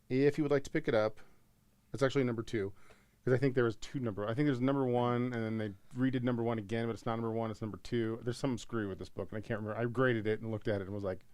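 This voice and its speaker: A man's voice: mid-range voice, a little mellow, clean tone, no echo. A tired man co-hosting a live stream comic sale, chatting casually and joking around, laughing often. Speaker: co-host selling comics.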